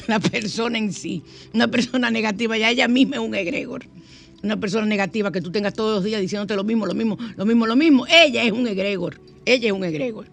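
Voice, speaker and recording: A woman's voice: mid-range voice, quick pace, vocal fry. A middle-aged woman hosting a spiritual self-help radio talk, speaking emphatically and repeating her key phrases. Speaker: radio host.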